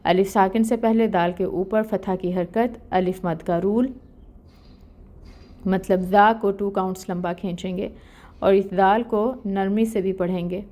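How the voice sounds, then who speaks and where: A woman's voice: mid-range voice, steady tone, dark tone. A woman teaching Quran recitation rules, explaining each letter patiently and step by step. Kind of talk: step-by-step tajweed lesson.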